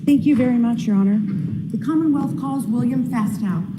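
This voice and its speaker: A woman's voice: on the high side, brisk, loud music behind the voice. A woman speaking as a prosecutor, addressing a judge in a courtroom with long reverb and faint noise.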